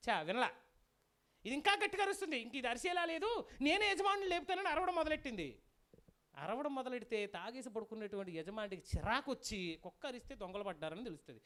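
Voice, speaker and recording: A guest preacher delivering a sermon with a folk tale, lively and constantly asking the audience questions. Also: medium pitch.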